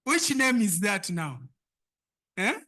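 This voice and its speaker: A woman works as the emcee at a live competition. Her voice is bright and forceful at a middle pitch. She addresses the audience directly, urging them along with repeated instructions. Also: big pitch swings, slow. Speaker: event host and emcee. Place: live event before an audience.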